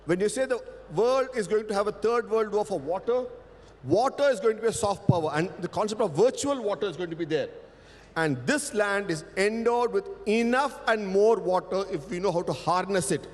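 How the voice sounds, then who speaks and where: On a festival panel, an Indian man whose first language is Tamil speaks in a high, carrying voice with lively intonation at a moderate pace. He talks with emphasis, asks rhetorical questions and draws out key words. A long hall reverb rings around him.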